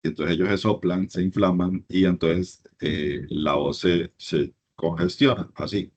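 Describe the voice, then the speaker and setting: Very deep-voiced male lecturer. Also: fairly even intonation, a little slow, darkish tone. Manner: explanatory, conversational teaching tone. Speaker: university lecturer. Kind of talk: classroom lecture. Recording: dull lo-fi recording.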